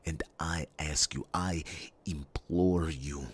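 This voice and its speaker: In an ASMR fantasy roleplay, a man plays a grave, resolute warrior, speaking solemnly and deliberately with dramatic pauses in a gravelly, breathy rumble. His tone is steady, and the mood is imploring and intense.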